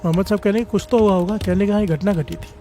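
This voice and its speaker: A man's voice: high-pitched, fairly even intonation, racing, warm tone, faint music behind. A man preaching a devotional sermon, telling a story and calling out refrains for the congregation to answer. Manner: calls out refrains for congregation response.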